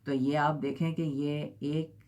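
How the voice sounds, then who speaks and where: A man's voice: fairly high pitch, level tone, a little mellow. A man teaching an Arabic pronunciation lesson, who stretches out each model sound and keeps checking "theek hai?" with his learners.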